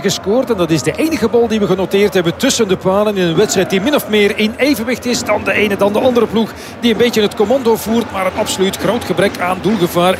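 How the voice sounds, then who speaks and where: A man with a Flemish accent giving a live football report from the ground. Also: sits high. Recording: noisy live stadium report.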